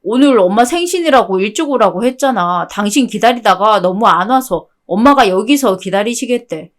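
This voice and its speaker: A woman's voice: medium pitch, expressive, normal speed, lightly acted. A woman voicing a stubborn young husband who pushes and blames, siding with his mother in a radio drama. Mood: blaming. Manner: pushy, blaming. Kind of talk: Korean radio drama dialogue.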